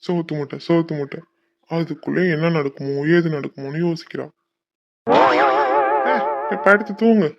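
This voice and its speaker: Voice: medium pitch, moderate pace, gravelly, long pauses, highs cut off, soft background music, close to an everyday voice. A voice actor playing a devoted young college man in a cartoon, pleading and affectionate. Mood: teasing.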